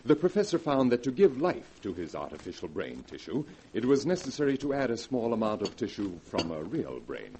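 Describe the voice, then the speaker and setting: An actor playing a calm, scheming male scientist in a 1940s radio drama, speaking in a measured, persuasive way. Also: medium pitch, a little hiss or hum, poor audio. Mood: matter-of-fact.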